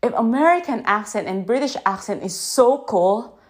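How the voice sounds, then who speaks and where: A woman with a Filipino accent hosting an unscripted podcast into her phone, gently guiding breathing and then talking in a halting way with many restarts. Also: on the high side, animated. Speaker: podcast host.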